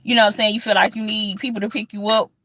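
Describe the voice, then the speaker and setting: Speaking rapid-fire with a sharp, level tone, a thirtysomething female vlogger chats casually outdoors in the sunshine in a mid-range voice. She comes across as earnest and encouraging, colloquial, repetitive and full of fillers.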